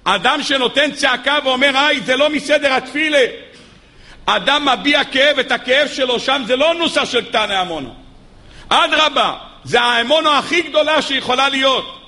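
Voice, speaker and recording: A man's voice: lively intonation, pushed and bright, long reverb tail. A man giving a religious text lesson, reading sources and then driving his points home with rising, emphatic delivery. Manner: rises to high, emphatic pitch when making a point. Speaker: Torah teacher.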